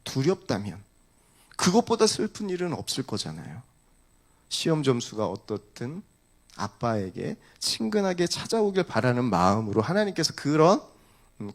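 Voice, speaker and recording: A man in his forties, a pastor preaching a sermon with animated storytelling, acting out family dialogue. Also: medium pitch.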